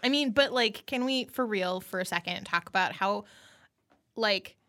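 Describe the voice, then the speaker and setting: A woman's voice: medium pitch, moderate pace, bright, forceful tone. A young woman co-hosting a podcast, chatting with lots of "like" and hesitations. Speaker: podcast co-host. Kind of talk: casual chat.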